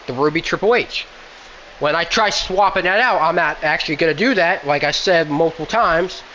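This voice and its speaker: A man's voice: high voice, pushed and bright, a little hiss or hum, low-quality recording. A man complaining at length about a buggy video game, exasperated and repeating himself as he pleads for fixes. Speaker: gaming YouTuber. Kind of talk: frustrated game rant.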